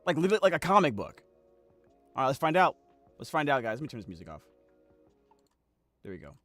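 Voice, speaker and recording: A man with a bright, forceful voice reacts to a video on a livestream, casual and incredulous, often rambling. His pitch moves a lot, and the close mic sounds dry, with faint music behind. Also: big pitch swings, fast talker, no echo. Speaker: streamer and voice actor.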